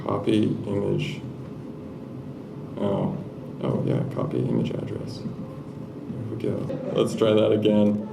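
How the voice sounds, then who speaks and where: A man's voice: fairly low pitch, animated, measured pace, vocal fry, reverberant, distant mic, very noisy. A man giving a live-coding tech talk at a conference, chatting through his code with joking, self-deprecating asides. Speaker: conference speaker. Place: conference room with audience.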